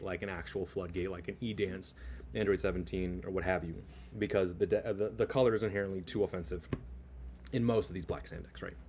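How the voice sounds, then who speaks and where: A man with a deep voice talks through a casual card game review. He gushes with enthusiasm while explaining, punching important words. Faint noise sits behind his voice. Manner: gushing, enthusiastic. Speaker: card game content creator.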